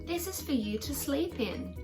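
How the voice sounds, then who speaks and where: A woman voicing an excited, kind young boy in a children's storybook, eager and exclaiming. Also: sits high, normal speed, over music. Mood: friendly, eager.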